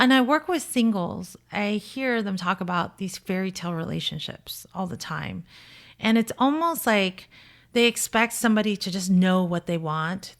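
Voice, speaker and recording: A woman who's a dating coach and show host offers conversational relationship commentary, emphatic, opinionated and blunt. Her voice is mid-range with a fairly bright tone.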